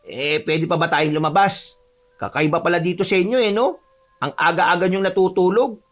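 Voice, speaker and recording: A man's voice: sits high, normal speed, faint music behind, natural voice. A man voicing a jumpy, easily scared young man from the city in an audio horror story. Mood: calm. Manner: nervous, whiny and fearful.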